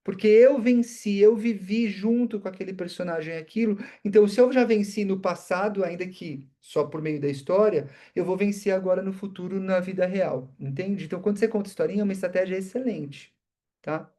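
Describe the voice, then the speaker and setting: A man's voice: high voice, fairly quick. A man giving a live educational talk, explaining and acting out how he talks to children. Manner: animated, acts out talks with children. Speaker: education specialist answering questions.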